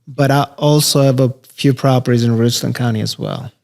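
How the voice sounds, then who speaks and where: A man, a real estate investor talking casually as a podcast guest, relaxed and rambling with many fillers. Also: medium pitch, fairly quick, vocal fry. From Albania. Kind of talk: casual interview conversation.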